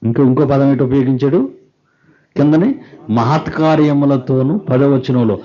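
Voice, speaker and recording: A male pastor preaching a sermon. He often puts rhetorical questions to the congregation and reads scripture slowly and with weight. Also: mid-range voice, warm tone, dull audio.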